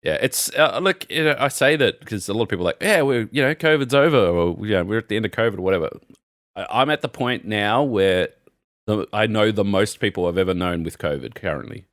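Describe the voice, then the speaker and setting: Here a young guy co-hosts a relaxed podcast, chatting casually and drifting through stories in an animated way while laughing often. His voice sits on the low side and runs a little fast. The studio sound is clean, with no echo.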